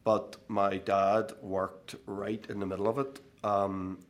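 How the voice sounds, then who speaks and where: A man's voice: lowish voice, little pitch movement, slow pace. A man in his thirties with a Northern Irish accent, a guest speaking casually in an interview with many fillers and restarts. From Northern Ireland. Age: 30s. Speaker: actor guest.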